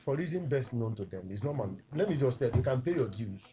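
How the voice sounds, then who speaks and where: A man's voice: medium pitch, animated, fast, dark tone. A man, a lawyer guest on a radio talk show, explaining insistently and at length. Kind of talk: casual studio chat.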